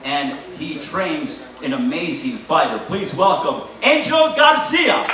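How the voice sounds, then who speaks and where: With the crowd audible in the background, a man works the big, echoey press conference room, introducing boxers in grand ring-announcer fashion for the audience. He speaks slowly and very animatedly in a slightly high voice, recorded from afar with echo and faint noise.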